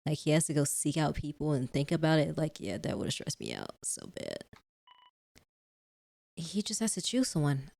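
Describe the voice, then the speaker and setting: A woman's voice: deep voice, big pitch swings, moderate pace, creaky, a little mellow. A woman hosting a let's-play, reading a visual novel aloud and chatting casually about it. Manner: casual, chatty, slangy asides between read lines.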